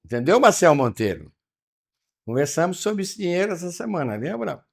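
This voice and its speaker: A man leading a spiritual lesson in a fairly high, very lively voice that rises and falls sharply. He teases and questions his listeners, calling out names as he goes. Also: moderate pace, vocal fry. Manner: animated, calls on listeners by name, rhetorical questions. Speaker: teacher of a spiritual study class.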